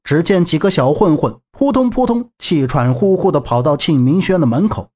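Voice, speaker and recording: Expressive male audiobook narrator. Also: a little high, normal speed. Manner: even storytelling, acts out the dialogue.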